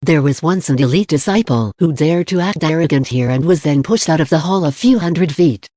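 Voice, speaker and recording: A narrator reading a fantasy novel aloud in a steady, plain storytelling manner. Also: mid-range voice, a little fast, dry recording, clean studio sound. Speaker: audiobook narrator. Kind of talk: audiobook narration.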